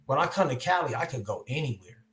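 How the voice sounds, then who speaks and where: A man's voice: medium pitch, lively intonation, fast talker, a bit bright. A man with a Californian accent, chatting casually on a music podcast, telling stories in a laid-back way with plenty of slang. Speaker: co-host. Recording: roomy echo.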